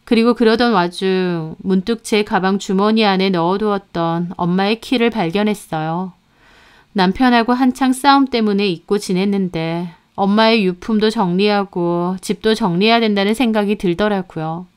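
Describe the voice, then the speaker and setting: A woman narrating a first-person story in a calm, even way. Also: mid-range voice, moderate pace, smooth.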